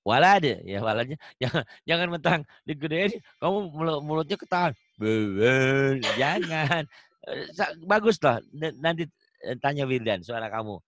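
A man tutors a student in Quran recitation over an online call. He talks in a lively, bouncy voice that rises and falls a lot, switching between easy chat and slow, stretched-out chanting of the verses. His voice sounds close and dry, with no room echo. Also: a little high. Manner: chatty, coaching, chanting examples in a drawn-out melodic voice. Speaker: Quran reading teacher. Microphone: video call.

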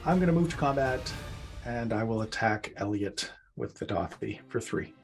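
A man playing a card game who rattles off his plays briskly with light laughter. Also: lowish voice, lively intonation, soft background music. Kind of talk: casual gameplay chat.

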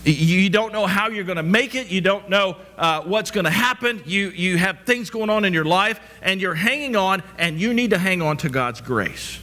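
Preaching man, higher voice, stammering restarts. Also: animated, normal speed, hardly any pauses, pushed and bright. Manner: repetitive rhetorical questions, frequent stammered restarts; walks the stage as he preaches. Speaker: pastor. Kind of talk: sermon. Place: church sanctuary stage.

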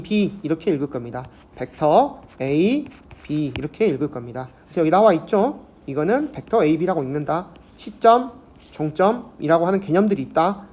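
Woman math teacher, lowish voice; patient lecture, poses questions and answers them herself. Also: a little mellow. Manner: explains step by step, asks and answers her own questions.

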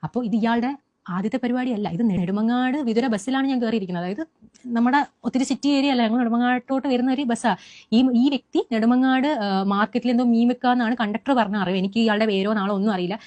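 Rapid-talking young woman. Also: on the high side, no echo, lo-fi sound. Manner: animated retelling with frequent restarts and fillers. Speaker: interviewee. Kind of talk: first-person account to a news interviewer.

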